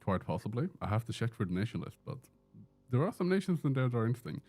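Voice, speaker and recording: His mid-range voice is dark-toned and sing-song, and he talks at a racing pace over faint background music. He's a game streamer from Sweden with a Swedish accent, chatting, joking, and answering chat during a live stream from an indoor room with a door.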